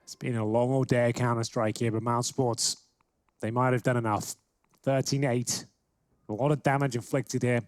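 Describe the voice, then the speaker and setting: A man's voice: medium pitch, steady tone, moderate pace, no echo. A man commentating a live esports match as a caster, calling the play as it unfolds.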